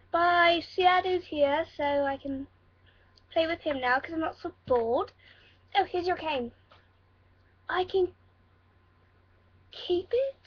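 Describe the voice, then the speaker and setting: A woman's voice: sits high, dull audio, lightly acted. A woman voicing a bratty teenage boy demon noble in a put-on British accent, whiny and playful. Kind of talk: cosplay role-play vlog.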